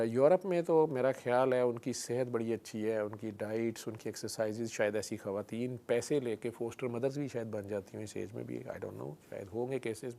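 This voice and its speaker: Gravelly doctor. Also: male voice, mid-range voice, mellow. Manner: storytelling, frequent "theek hai" check-ins, mixes in English terms. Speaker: doctor guest. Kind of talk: explanatory conversational interview.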